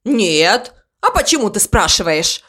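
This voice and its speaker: A woman's voice: medium pitch, big pitch swings, unhurried, fairly bright tone, breathy edge, heavily acted. A woman voicing a boastful male raven who pretends to be a tiger, growling and swaggering in a storybook reading. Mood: gleeful.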